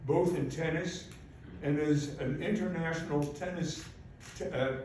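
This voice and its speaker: Speaking at a public event in a large, reverberant hall, this invited Holocaust survivor from Poland, a man in his eighties whose native language is Polish, gives a formal speech of personal testimony. His pitch is fairly high, his tone steady, his delivery a little slow and slightly mellow. He is captured at a distance with faint background noise.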